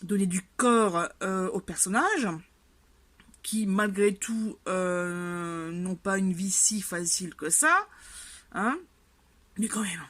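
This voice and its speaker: A woman's voice: medium pitch, takes it slowly. A woman chatting casually in a vlog, rambling with many fillers and restarts and sounding exasperated. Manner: exasperated and animated about the subject. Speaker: vlogger. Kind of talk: casual chat.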